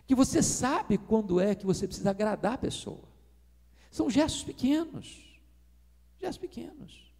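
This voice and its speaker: A middle-aged Brazilian man preaching a storytelling sermon, animated and acting out dialogue. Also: high-pitched, vocal fry. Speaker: pastor. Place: church or retreat hall. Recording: reverberant hall.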